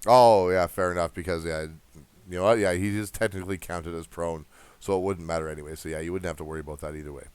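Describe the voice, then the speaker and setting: A man's voice: deep voice, fairly even intonation, quick pace, clear, resonant tone, no room sound. A man running a tabletop game as game master, bantering casually, laughing often and swearing freely.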